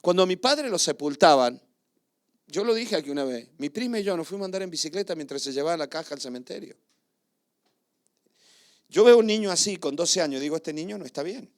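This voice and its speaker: A middle-aged male pastor, preaching a sermon and telling personal stories with emotion, swinging between loud and hushed. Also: fairly high pitch, lively intonation, a little fast, pauses often.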